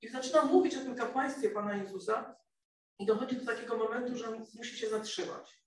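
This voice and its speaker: Man, young adult, preacher, high voice, conversational sermon, very echoey room, distant mic. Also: brisk. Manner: conversational, searching for words.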